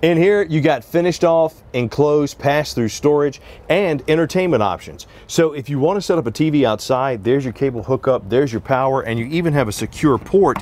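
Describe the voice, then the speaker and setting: A fortyish man with an expressive, somewhat high, slightly mellow voice gives a walkaround review of an RV on an outdoor lot. Speaking at a moderate pace into a lapel mic, he keeps up a relaxed, cheerful sales pitch.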